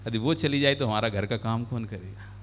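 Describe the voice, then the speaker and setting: A man, a monk, giving a sermon and telling a story in a playful, animated way, acting out the characters. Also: mid-range voice, a little fast. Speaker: Jain monk preaching.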